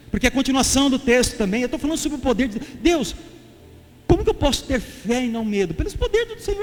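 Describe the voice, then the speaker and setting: A Brazilian man preaching a passionate, emphatic sermon in a church, talking to the congregation in a casual way. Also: extremely high pitch. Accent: Brazilian Portuguese. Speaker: pastor. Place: church hall. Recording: reverberant church hall with faint music.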